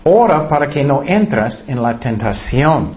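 A man's voice: medium pitch, big pitch swings, measured pace. A man preaching a sermon, asking rhetorical questions and acting out quoted voices with lots of animation. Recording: dull lo-fi recording.

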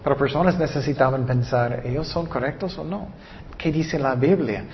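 A man preaching a sermon in an animated way, stumbling over some words and acting out the people he quotes. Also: medium pitch, normal speed, slight background noise. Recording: echoey hall, dull lo-fi sound.

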